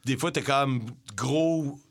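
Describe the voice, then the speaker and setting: A man's voice: mid-range voice, slow. A young man with a Québécois accent, co-hosting a podcast in casual, slangy talk about albums. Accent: Québécois French. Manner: rambling, slangy, enthusiastic. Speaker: podcast co-host. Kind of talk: casual chat about music.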